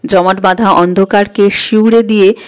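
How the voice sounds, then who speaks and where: A woman's voice: mid-range voice, noisy background. Woman reading a story aloud. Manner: measured, expressive storytelling. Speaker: audiobook narrator. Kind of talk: scripted story narration.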